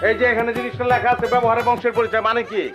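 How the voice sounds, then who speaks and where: A pompous know-it-all teacher. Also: male voice, extremely high pitch, flat delivery, fast talker, over music. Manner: pompous, lecturing, keeps asking "understood?". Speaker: self-styled teacher lecturing at a tea stall. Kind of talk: TV comedy drama acting.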